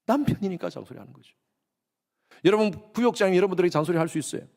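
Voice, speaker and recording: Lively Korean pastor in his fifties. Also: high voice, very fast, gravelly. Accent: Gyeongsang Korean. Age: 50s. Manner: lively preaching, addresses congregation often, acts out quoted lines. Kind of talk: sermon.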